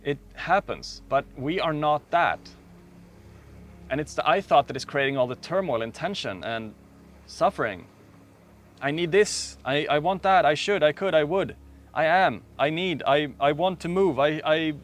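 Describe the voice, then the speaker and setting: Soft-spoken man guiding a meditation. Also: on the high side. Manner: slow, calm, soft-spoken with long pauses. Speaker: meditation teacher. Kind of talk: guided meditation talk.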